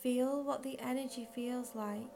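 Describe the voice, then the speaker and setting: A guided meditation leader, a woman with a slightly high, gravelly voice and fairly even intonation, narrates a visualisation very slowly and gently. She leaves long pauses between phrases while faint music plays behind her.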